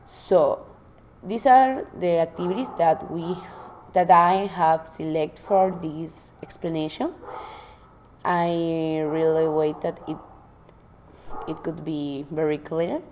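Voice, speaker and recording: A woman's voice: low-pitched, steady tone, slow pace, a little mellow, a little hiss or hum. A woman teacher presenting classroom activities from her notes, stopping to restart and correct herself. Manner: reads from notes with frequent restarts and self-corrections. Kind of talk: presenting a lesson plan.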